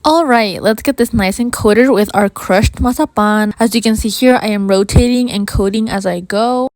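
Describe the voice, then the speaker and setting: A woman's voice: fairly high pitch, normal speed, darkish tone, dry recording. A woman narrating a how-to baking tutorial in an informal way, with a slight lisp and whistling s. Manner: addresses viewers informally as you guys. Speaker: baking video host.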